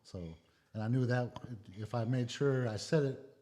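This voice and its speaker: A man's voice: medium pitch, steady tone, moderate pace, dark tone. A man, a guest content creator, telling laid-back stories with plenty of swearing in a casual podcast chat.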